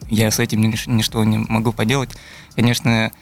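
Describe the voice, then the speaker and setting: Here the young beatboxer and looper from Buryatia, Russia, appearing as a guest musician, speaks in a lowish, monotone voice and a little fast. He answers the interview questions thoughtfully while hunting for words, over soft background music.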